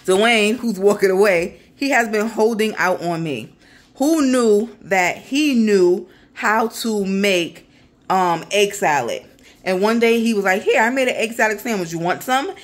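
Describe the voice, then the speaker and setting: A woman's voice: mid-range voice, animated, a little slow. A woman, chatting casually to viewers through a grocery haul vlog in her apartment kitchen. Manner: chatty, talks straight to viewers as y'all. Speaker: vlogger. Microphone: handheld phone camera.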